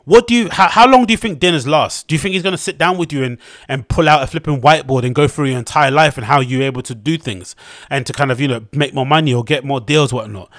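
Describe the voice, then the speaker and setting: A man's voice: mid-range voice, fast, a bit bright, dry recording, clean studio sound. A young man with a London accent, hosting his podcast and giving blunt, rambling commentary on a news article, with lots of fillers and restarts. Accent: London English. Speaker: podcast host.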